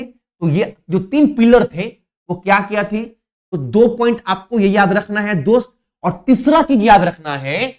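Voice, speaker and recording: A high-pitched man teaches current affairs to exam candidates, repeating and emphasizing the important points. He poses questions and answers them himself, mixing in casual asides.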